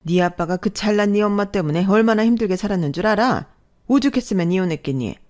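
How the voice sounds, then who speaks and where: A woman's voice: medium pitch, lively intonation, quick pace, darkish tone, close to an everyday voice. A woman voicing a pushy middle-aged aunt who pleads and reproaches insistently, in a storytelling radio drama. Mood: reproachful. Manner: insistent, reproachful guilt-tripping.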